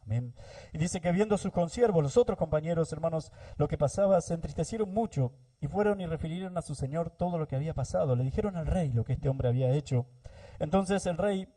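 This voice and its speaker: In a warm, fairly high voice and at a slightly fast clip, a pastor from Argentina preaches in church. Amens come often as he addresses the congregation again and again.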